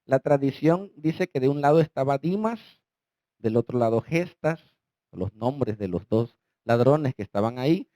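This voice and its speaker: A male pastor with a Mexican Spanish accent preaching a sermon, swinging between loud emphatic lines and quiet low asides. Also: animated, normal speed, no echo. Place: church.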